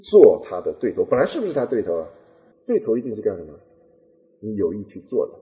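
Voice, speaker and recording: Male preacher with a mellow tone and a lively, swooping delivery. He answers his own questions and chuckles often. Dull lo-fi recording. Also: on the low side, quick pace. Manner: animated, asks questions and answers them himself; chuckles often, folksy humor. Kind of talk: sermon.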